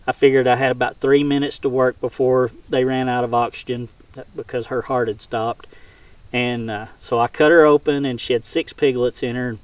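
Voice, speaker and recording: A middle-aged man with a mid-pitched voice spins casual hunting tales in folksy, rural phrasing. He is recorded outdoors at some distance from the microphone, with insects sounding around him. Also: steady tone, normal speed. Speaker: hog hunter and game caller. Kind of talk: casual first-person hunting storytelling.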